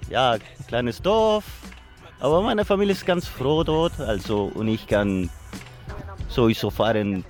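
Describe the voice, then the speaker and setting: A man's voice: medium pitch, lively intonation, a little slow, darkish tone, soft background music. A man from Chile, a guest DJ speaking earnestly in simple, during a casual interview outdoors by a lake. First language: Spanish. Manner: earnest, in simple non-native German.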